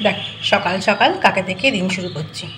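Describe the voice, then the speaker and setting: A woman's voice: medium pitch, a little fast, noisy background. A woman vlogger, chatting casually to the camera about her morning at home. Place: rooftop and home, outdoors and kitchen.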